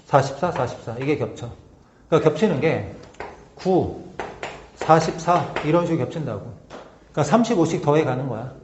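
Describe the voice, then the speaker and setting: Male math teacher, slightly high voice, patient walkthrough with frequent check-ins; roomy, dull recording. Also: lively intonation, a little mellow, slight background noise. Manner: talks through steps slowly, checking in with tag questions. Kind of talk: whiteboard lesson walkthrough.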